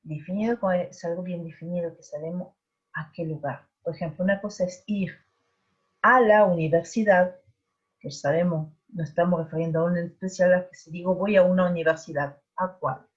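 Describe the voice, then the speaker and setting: A woman's voice: lowish voice, steady tone, normal speed. A woman French teacher explaining grammar in a recorded tutorial, patiently checking her students follow. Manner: patient, explains step by step with frequent check-ins. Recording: dull lo-fi sound.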